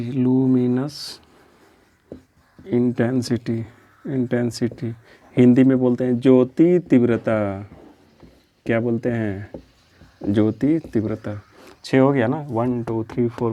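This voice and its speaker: A man teaching physics in a patient lecture style, with a mid-pitched voice. He poses a question, gives the answer himself, then repeats the term several times. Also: moderate pace. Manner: repeats key terms, asks questions and answers them himself; steady, explanatory, drills terms.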